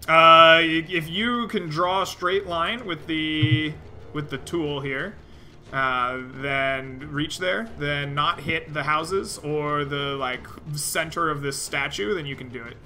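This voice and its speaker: A man's voice: a little high, takes it slowly, bright, forceful tone, faint music behind. A man working as game master, casually narrating the action, giving rulings and encouraging the players. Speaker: game master of a tabletop RPG.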